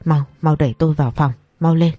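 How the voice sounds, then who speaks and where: A frantic young man, injured and begging to go home to his mother, as the narrator puts him on. The tone is soft and mellow with a breathy edge. It sits in an audio story. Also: a little high, steady tone, fast, dry recording, studio quality, natural voice. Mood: desperate, pleading. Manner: urgent, pleading.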